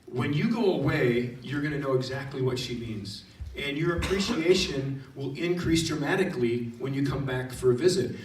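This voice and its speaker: A man who teaches high school theology gives a retreat talk, telling stories and speaking straight to the students in the room. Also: moderate pace, hardly any pauses. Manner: storytelling, animated, addresses audience directly. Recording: roomy, distant mic.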